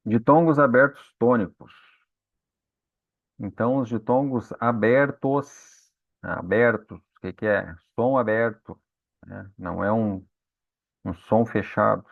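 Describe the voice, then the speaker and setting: Taking his time, with vocal fry in his fairly low voice, a Portuguese teacher patiently explains grammar and keeps asking his students "né?" and "tá?". The audio is dry, lo-fi, and phone-like, without any room sound.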